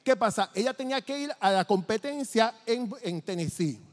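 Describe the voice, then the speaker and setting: A man giving a testimony from the pulpit, telling his story in an animated way and acting out the dialogue. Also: high-pitched, normal speed. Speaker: church testimony speaker. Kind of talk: testimony preaching. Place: church sanctuary. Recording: long church reverb.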